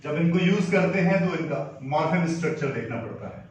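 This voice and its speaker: A man teaching English grammar in a lesson, explaining step by step and spelling out letters and words slowly. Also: a little high, lively intonation, a little hiss or hum. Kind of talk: classroom-style grammar lesson. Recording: very echoey room, voice from far off the mic.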